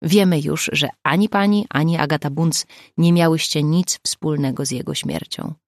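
A woman's voice: low-pitched, moderate pace, dry recording, clean studio sound, lightly acted. A woman reading a grumpy, stingy cop. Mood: calm. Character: grumpy stingy male police detective.

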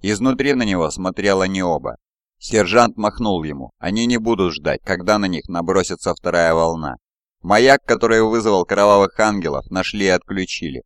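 A man reading an audiobook in a measured, dramatic narration style, on a close mic. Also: low voice, expressive, dry recording.

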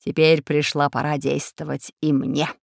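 A woman voicing a scheming male lord of plants who talks slowly and smugly. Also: low-pitched, level tone, vocal fry, no echo, studio quality, voice pushed down. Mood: gloating. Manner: slow, smug and drawn out.

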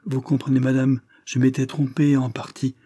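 A man's voice: mid-range voice, little pitch movement, normal speed, dark tone, voice pushed up, lightly acted. A man doing a fawning, scheming housekeeper. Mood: wheedling. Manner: fawning, then triumphant. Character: intriguing middle-aged housekeeper woman, spiteful.

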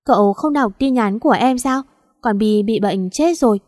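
A woman's voice: fairly high pitch, moderate pace, darkish tone, no echo, clean studio sound, natural voice. A woman voicing a naive, weepy young female servant who pleads in a whiny, tearful way. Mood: eager.

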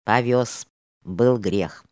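A grim monk in chains, as a woman reader puts him on, speaking in a very deep, firm, sober voice. His lines come slow and gloomy. The storybook reading is dry and close. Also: a little mellow, no room sound, heavily acted. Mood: stern grim. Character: stern red-haired male monk, grim ex-soldier in chains.

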